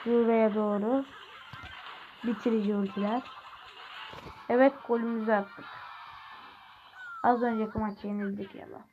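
Excitable joking woman gamer, muffled mic. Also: fairly high pitch, measured pace, pauses often. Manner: excitable, joking, trash-talking teammates. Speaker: gaming video creator. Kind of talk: casual gameplay commentary. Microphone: close desk mic. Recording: muffled lo-fi mic with faint hiss.

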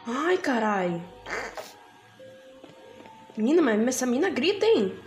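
Brazilian accent, woman, let's play host, casual and profane, higher voice, faint game music behind. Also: sing-song, slow pace, reverberant. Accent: Brazilian Portuguese. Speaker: gaming channel host.

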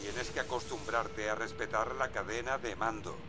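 An actor playing a stern, authoritative sci-fi commander in a video game. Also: male voice, on the low side, steady tone, normal speed, noisy background, natural voice.

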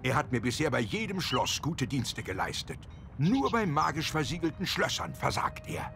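A man playing a scholarly old male gremlin in a video game, polite, proud and theatrical, with a gravelly voice. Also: fairly high pitch, big pitch swings, moderate pace, fairly bright tone, slight background noise, exaggerated voice. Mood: grateful, proud. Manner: pedantic, theatrical. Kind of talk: video game character acting.

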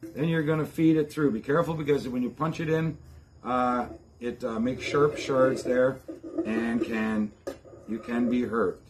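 A man's voice: medium pitch, steady tone, unhurried, slight background noise. A man in his fifties with an Ontario Canadian accent gives a casual, plainspoken how-to demonstration to the camera on a backyard patio. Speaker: host of outdoor preparedness channel. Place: covered backyard patio, outdoors.

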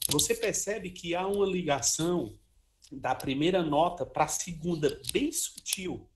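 A man's voice: fairly high pitch, a little slow. A man teaching a casual trombone lesson, talking freely and singing short syllables to show articulation. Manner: chatty, sings syllables, many "ó" and "né" tags. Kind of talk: informal music lesson.

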